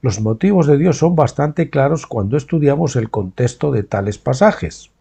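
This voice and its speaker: Mellow-voiced man teaching the Bible. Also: medium pitch, lively intonation, gravelly, breathy edge. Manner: adds questioning tags to check listeners follow; pauses to explain names and terms in his own words. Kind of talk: reading a Bible study aloud with spoken asides.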